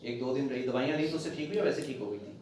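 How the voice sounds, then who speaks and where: A male doctor examining a patient at the bedside, gently coaxing and repeating his instructions and praising the patient. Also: mid-range voice, very fast. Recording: very echoey ward, distant, crowd behind.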